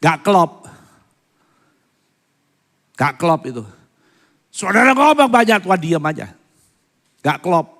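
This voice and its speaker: A pastor preaching a sermon, moving between soft asides and loud, fervent appeals and asking the congregation questions. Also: male voice, high voice, big pitch swings, slow pace, pauses often. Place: church. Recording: reverberant church hall.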